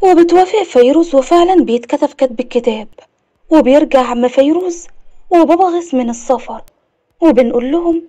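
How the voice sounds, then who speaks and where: A woman with an Egyptian accent narrating an animated story. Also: sits high. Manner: brisk storytelling.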